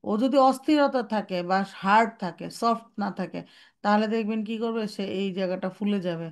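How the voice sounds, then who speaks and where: A woman's voice: mid-range voice, fairly quick, smooth. A young adult woman teaching Quran recitation in an online lesson, explaining step by step, asking and answering her own questions, and mixing English terms into her speech.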